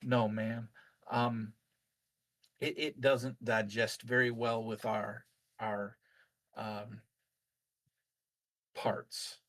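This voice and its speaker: Man playing big male robot, courteous, mild, hesitant, slow-spoken, tabletop game. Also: mid-range voice, level tone, a bit bright. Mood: apologetic. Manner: polite, hesitant, measured. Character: large, polite, mild-mannered male automaton.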